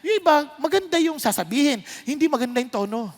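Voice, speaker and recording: A woman with a Filipino accent preaches a sermon to a congregation, mixing in English and frequently checking in with listeners through quick questions. Her high-pitched, expressive voice trails off in a long reverb tail.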